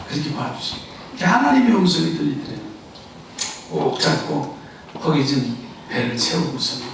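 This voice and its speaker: A man preaching a Sunday sermon, his fairly high voice carrying from a distance through a very echoey sanctuary. He tells a story with jokes and keeps asking the congregation to answer him, with a faint hiss underneath. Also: creaky. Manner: humorous, asks the congregation questions and urges answers. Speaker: pastor. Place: church sanctuary. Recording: very echoey hall, voice from far off.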